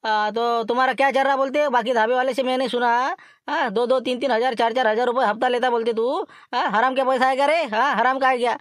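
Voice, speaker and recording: A man voicing a blustering, brash male dhaba owner who makes loud threats. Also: extremely high pitch, steady tone, fast talker, dry recording, clean studio sound, pitched above the performer's own voice. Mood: challenging.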